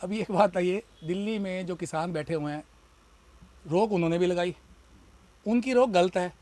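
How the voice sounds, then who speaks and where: A man's voice: high-pitched, moderate pace, darkish tone, no echo. A man who runs a shop, speaking in an impassioned, argumentative way in a street interview. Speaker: shopkeeper and party worker.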